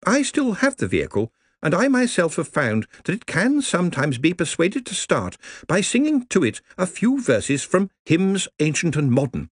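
A man's voice: high-pitched, huge pitch swings, moderate pace, hardly any pauses, slightly rough, no room sound, pitched above the performer's own voice, full character voice. A prim, earnest middle-aged lady librarian, put on by a man, speaking in a raised, lilting voice. She is proper and wordy, and her lines are close and dry.

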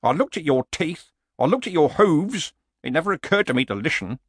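A stubborn, world-weary old barbarian, acted by a male story reader, grumbling bluntly with a very animated rise and fall. The voice is dry and close, with an elderly hero's grumpy resolve. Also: a little high, a little fast, slightly rough, dry recording, voice pushed up. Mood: exasperated.

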